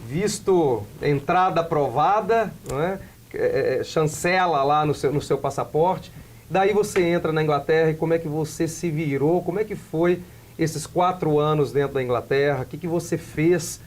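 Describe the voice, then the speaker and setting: A man's voice: fairly high pitch, moderate pace, slight background noise. Man hosting a business interview. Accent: Brazilian Portuguese. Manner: asks several rephrased questions in a row. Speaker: TV talk show host.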